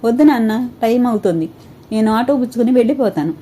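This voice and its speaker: A woman's voice: a little high, animated, mellow, husky. A woman voicing a caring young woman who is anxious and in a rush. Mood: hurried. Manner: hurried, anxious questioning.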